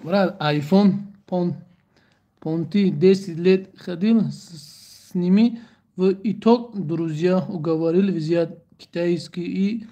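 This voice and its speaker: High-voiced Tajik man, joking livestream chat. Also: slow, mellow, muffled recording. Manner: joking, speaks broken Russian in short repetitive bursts. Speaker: livestream host. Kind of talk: casual livestream chat with viewers.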